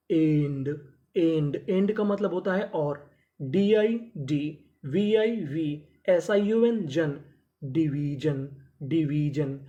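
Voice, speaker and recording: Mellow-voiced male teacher drilling phonics. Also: a little high, muffled recording. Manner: asks questions and answers them himself, drilling by repetition; sounds out letters slowly, then blends them into words. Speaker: English teacher. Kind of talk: phonics lesson for Hindi speakers.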